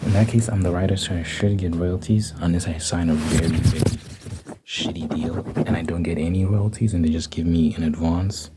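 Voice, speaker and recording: A man in casual, rambling talk, thinking out loud in an informal way. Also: sits low, fairly even intonation, fairly quick, heavy background noise.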